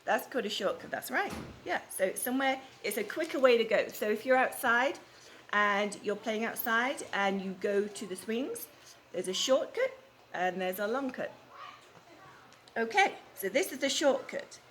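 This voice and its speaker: Leading a children's class, a woman reads a storybook aloud in a slightly high, somewhat bright voice with lively intonation at normal speed. She questions the kids teacher-style and repeats what they say, and the recording picks up a noisy, live room.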